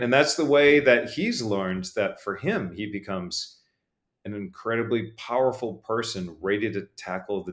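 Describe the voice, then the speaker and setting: A man hosting a business podcast, giving an energetic motivational talk and acting out quotes in lively voices. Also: on the low side, reverberant. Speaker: podcast host. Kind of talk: casual motivational monologue.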